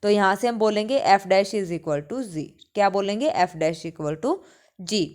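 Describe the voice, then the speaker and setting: Slow and darkish in tone, her mid-range voice carries a Hindi maths lecture aimed at exam preparation, peppered with English mathematical terms. She questions and answers herself and returns to the main points.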